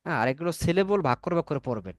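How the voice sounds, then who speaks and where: A man teaching spoken English in an online class. His voice sits a little high for a man and sounds dry and close, with no room around it. He keeps coaxing his students to speak and repeats himself as he explains. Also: lively intonation, racing, no room sound. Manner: coaxing, repetitive, asks students to answer.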